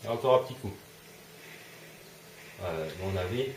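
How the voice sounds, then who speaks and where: A man's voice: low-pitched, animated, moderate pace, reverberant, background noise. A man commentating his own gameplay, swearing and yelping when startled. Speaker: let's play gamer.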